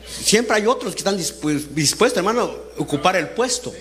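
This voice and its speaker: High-voiced man preaching. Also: expressive, moderate pace, a crowd in the background. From Honduras. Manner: conversational, asks the congregation questions, laughs while talking. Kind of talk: sermon. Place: church service.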